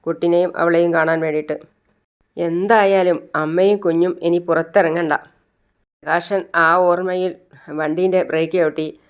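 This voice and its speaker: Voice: mid-range voice, little pitch movement, moderate pace, smooth. A vlogger casually retelling a TV serial episode, conversational with fillers and restarts.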